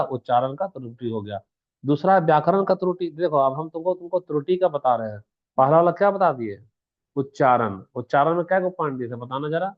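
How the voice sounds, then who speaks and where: A male teacher gives an exam-prep lecture in a slightly high voice. He keeps asking the class questions and then answers them himself. The sound is thin and phone-like.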